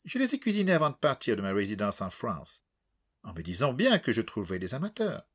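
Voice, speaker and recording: A man voicing a genteel elderly British lady, soft and distinguished, with a caricatured English accent. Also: medium pitch, wildly swooping pitch, a little fast, breathy edge. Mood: generous.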